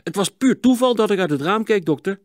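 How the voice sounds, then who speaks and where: A man's voice: high-pitched, lively intonation, a little fast, dry recording, clean studio sound, pitched above the performer's own voice. A man reading an audiobook, voicing an eager, somewhat shy young boy. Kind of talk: audiobook character voice.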